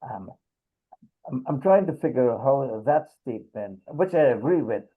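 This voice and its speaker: A middle-aged man from Trinidad, speaking haltingly in a casual discussion with many pauses and fillers. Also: mid-range voice, expressive, breathy edge. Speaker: discussion participant. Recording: tinny phone-like video call audio.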